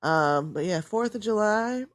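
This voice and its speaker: Slow-talking woman with a morning voice. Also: medium pitch, animated. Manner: chatty, laughs often, trails off with fillers. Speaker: podcast co-host. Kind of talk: casual podcast chat. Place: home. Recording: level drops in and out.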